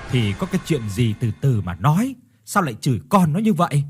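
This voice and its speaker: A man's voice: mid-range voice, big pitch swings, fairly quick, a little mellow, husky, faint music behind. A man voicing a middle-aged mother who indignantly defends her son and scolds back.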